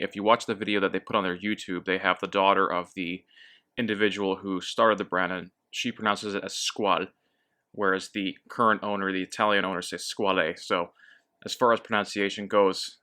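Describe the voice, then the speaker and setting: Man in a casual review, lowish pitch, bright tone, easygoing and a bit halting. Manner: relaxed, with fillers and self-corrections. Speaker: watch reviewer.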